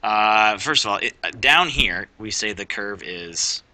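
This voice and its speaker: A man's voice: lowish voice, lively intonation, a little slow, sharp tone, no room sound, rough recording. A male math teacher explaining a graph in a casual recorded lesson, rambling, often correcting himself and thinking aloud.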